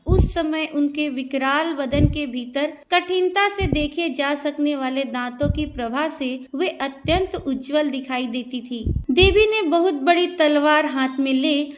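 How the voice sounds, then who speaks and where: A woman reciting a devotional scripture in a slow, measured, solemn manner. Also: high voice.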